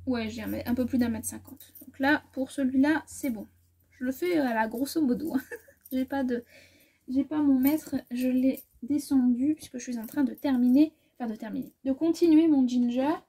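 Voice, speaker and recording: Woman sewing vlogger, high and husky-soft, casual rambling haul chat. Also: normal speed. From France. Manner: chatty, rambling, self-correcting, often trailing off softly.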